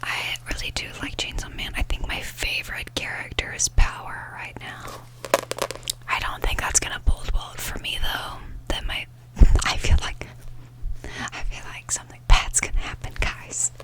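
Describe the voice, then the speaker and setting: A woman whispers in a breathy voice, chatting in a casual, rambling, slangy way for ASMR. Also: normal speed, low-quality recording. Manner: informal, slangy, sweary, rambling. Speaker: ASMR video host. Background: nail tapping and page fluttering.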